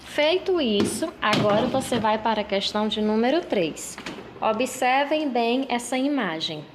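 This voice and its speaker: A woman teacher from Brazil giving a recorded lesson to children, reading out questions slowly and with emphasis. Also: on the high side, animated, background noise. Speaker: schoolteacher.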